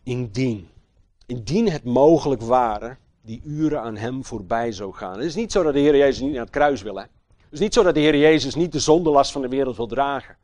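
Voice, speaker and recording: A man preaching a sermon with passion, swinging from hushed, slow phrases to loud, emphatic outbursts and asking his listeners rhetorical questions. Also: medium pitch, lively intonation, dry recording.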